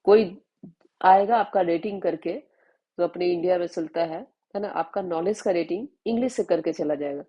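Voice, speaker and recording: A woman with an Indian accent, teaching spoken English in Hindi, reading example sentences slowly and often checking in with her students. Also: fairly low pitch, dark tone, muffled recording. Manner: explains slowly, often asks "है ना?".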